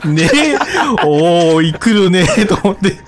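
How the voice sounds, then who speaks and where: A man's voice: sits high, sing-song, takes it slowly. A man co-hosting in casual banter, with blunt, teasing asides. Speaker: podcast co-host.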